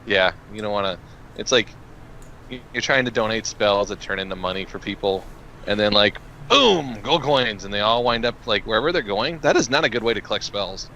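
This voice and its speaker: A man's voice: fairly low pitch, a little fast, sharp tone, a little hiss or hum. A man co-hosting a casual card review over a video call, playful and full of jokes. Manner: playful, jokey. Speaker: co-host reviewing cards. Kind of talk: casual joking chat.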